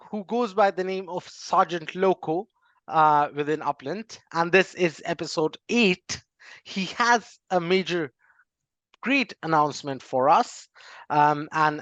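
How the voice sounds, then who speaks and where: A man's voice: fairly high pitch, fairly bright tone, no echo, muffled recording. A man hosting an interview show, leading the guest with friendly questions and some fillers. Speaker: podcast host.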